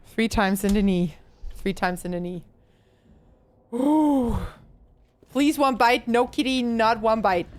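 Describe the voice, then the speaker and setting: A young woman talks through a live horror game session in casual chatter. Her voice sits a bit high and she speaks slowly. She gets jumpy and curses under pressure. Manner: nervous, swears and yelps when startled. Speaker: streamer.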